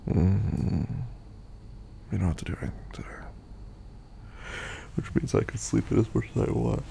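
A man in an intimate audio roleplay, sleepy and hungover, murmuring and whispering softly as if half asleep. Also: fairly low pitch, normal speed, creaky.

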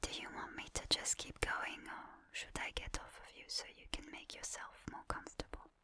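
A woman voicing a gentle, doting massage attendant in an ASMR roleplay, talking in a soft breathy whisper and slipping in French endearments. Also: fairly quick. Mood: soothing.

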